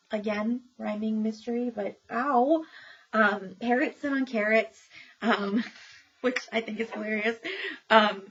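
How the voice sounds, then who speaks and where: A woman public librarian casually reviewing children's books, chatty and informal with many fillers and frequent laughs. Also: on the high side. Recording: dull lo-fi recording with faint noise.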